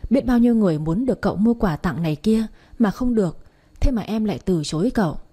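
Mellow, husky woman narrating a romance. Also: medium pitch, expressive, fast. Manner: chatty, addresses listeners directly. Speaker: story narrator. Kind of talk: first-person romance story reading.

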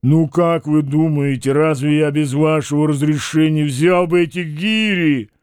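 A man's voice: fairly high pitch, steady tone, unhurried, darkish tone, smooth, no room sound, studio quality, close to an everyday voice. A man voicing a simple-minded young male sidekick who talks earnestly and excuses himself. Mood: sheepish.

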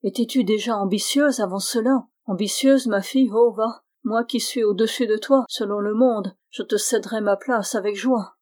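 A woman's voice: mid-range voice, normal speed, few pauses, a little mellow, close to an everyday voice. A woman reading the part of a feverish, frightened young noblewoman who talks in an anxious, pleading way.

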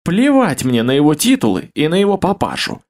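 A man's voice: on the high side, huge pitch swings, brisk, darkish tone, pitched above the performer's own voice. A man voicing a hot-tempered, jealous, mustached middle-aged baron who roars and threatens in an audiobook. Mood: raging. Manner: roaring, blustering, threatening.

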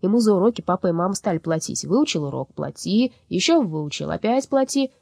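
A woman's voice: lowish voice, lively intonation, fast talker, vocal fry, darkish tone, dry recording, studio quality. A woman reading an audiobook voices a greedy, boastful old female soul who haggles and wheedles. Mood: haggling. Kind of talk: storybook character voice.

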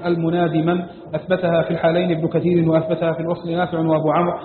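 Male reader, rapid level recitation, slightly high voice, roomy hall, phone-like sound. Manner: fast, even reading with little pitch movement. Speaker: student reading a text aloud. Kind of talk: rapid recitation of a classical text. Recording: echoey hall on a tinny, hissy line.

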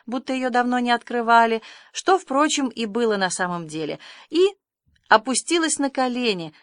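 A woman narrating an audiobook of a classic novel in a measured, expressive storytelling manner. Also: on the high side, dry recording, studio quality. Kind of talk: scripted narration.

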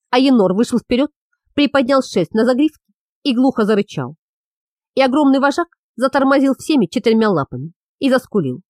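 A woman reading a fantasy novel aloud as an audiobook narrator, in an expressive, measured way. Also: a little high, dry recording, clean studio sound.

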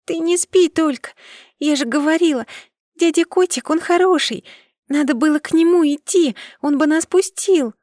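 A small frightened girl begs and coaxes in a high, tearful voice, as a woman reader puts her on. The audiobook voice is set close and dry, with no room around it. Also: moderate pace, darkish tone, no room sound, lightly acted. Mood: anxious coaxing. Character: frightened little girl, crying daughter. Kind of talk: audiobook character voice.

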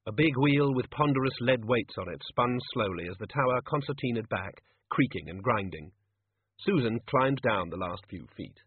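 A man's voice: medium pitch, expressive, breathy edge, no room sound. Man narrating a story over a tinny line. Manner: wry, measured storytelling. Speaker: audiobook narrator. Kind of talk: scripted narration. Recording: tinny phone-like sound.

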